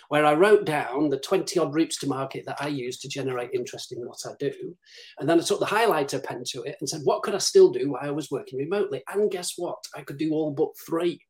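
A man's voice: fairly high pitch, brisk. A man speaking as a guest on a live-streamed interview, giving emphatic advice and acting out what clients say to him. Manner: emphatic, advisory, acts out quoted clients. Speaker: guest, business development director.

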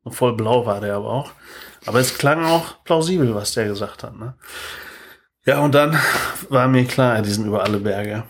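A man in his thirties co-hosting a podcast, telling a story in lively casual chat and tagging his sentences with "ne?". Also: medium pitch, normal speed. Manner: animated, tags sentences with "ne?". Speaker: podcast co-host.

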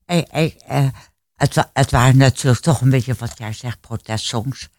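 A woman's voice: rumbling low, normal speed, darkish tone, no echo, studio quality. A woman in her seventies, a guest on a radio show, agreeing often and reflecting on her youth. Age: 70s. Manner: agreeable, many short "ja" replies, reflective. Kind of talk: casual radio chat.

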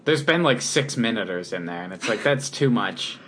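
Easygoing man with a halting delivery. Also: lowish voice, a little hiss or hum. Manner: relaxed, hesitant with many ums and uhs. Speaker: podcast co-host and local musician. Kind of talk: casual podcast chat.

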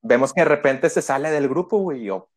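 A man's voice: a little high, fast. A young man with a Mexican Spanish accent, casually telling a story full of slang and frequent laughter. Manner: laughs often, heavy slang, animated retelling.

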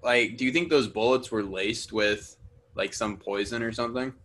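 Bright-voiced laid-back podcast guy. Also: mid-range voice, steady tone, moderate pace. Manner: laid-back, laughs between points. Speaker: podcast co-host. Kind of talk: casual chat.

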